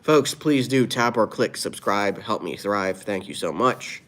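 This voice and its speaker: A man's voice: fairly low pitch, lively intonation, unhurried, fairly bright tone. A man talking casually on a live stream, reading out viewer comments and dropping playful improvised rhymes. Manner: playful, drops off-the-cuff rhymes.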